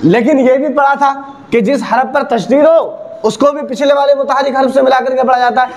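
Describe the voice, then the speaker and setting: A man teaching the rules of Quran reading in a video lesson. He asks questions and answers them himself, repeats key points, and slows down to spell out the letter sounds. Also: extremely high pitch, darkish tone.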